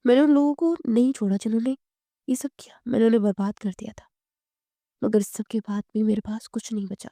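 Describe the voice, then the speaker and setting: A woman voicing a grieving wealthy young man with a low, heavy, tearful murmur in a storybook romance. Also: fairly even intonation, mellow, no echo, clean studio sound, close to an everyday voice.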